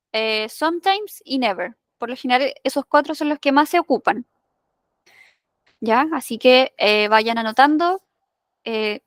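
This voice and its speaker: Slow, high-voiced teacher woman. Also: no echo, clean studio sound. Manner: explains patiently, with many "eh" and "ya?" checks. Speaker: English teacher. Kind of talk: online class explanation.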